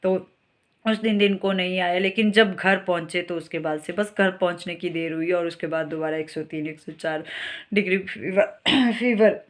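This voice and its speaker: A woman vlogger in her thirties from Himachal Pradesh talks through a hard week at home. Her voice stays level and flat, with little rise and fall. She rambles and circles back, tired and worried. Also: on the low side, normal speed. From Himachal Pradesh, India. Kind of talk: casual vlog talk.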